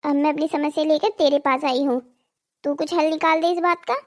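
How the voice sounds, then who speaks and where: A woman's voice: sits high, fairly even intonation, fairly quick, darkish tone, lightly acted. A woman voicing a greedy, nagging village wife in a cartoon drama, scolding and pleading.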